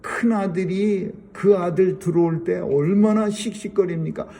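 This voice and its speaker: A man's voice: sits high, unhurried, creaky, dark tone. A middle-aged man preaching a Sunday sermon, emphatic and repeating his key phrases. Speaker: pastor.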